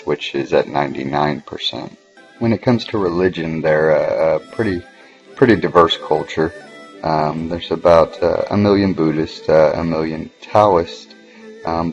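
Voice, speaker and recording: A man with a very low voice reads through a class presentation, stumbling often with fillers. The recording sounds dull and lo-fi. Soft music plays faintly underneath. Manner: hesitant, many fillers. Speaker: student presenter.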